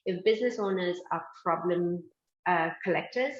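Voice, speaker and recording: An Indian woman who founded a fashion manufacturing business speaks as a guest in a casual interview, sounding chatty and upbeat and leaning heavily on "like" as a filler. Her voice sits fairly low and moves at a moderate pace. The recording is muffled and reverberant.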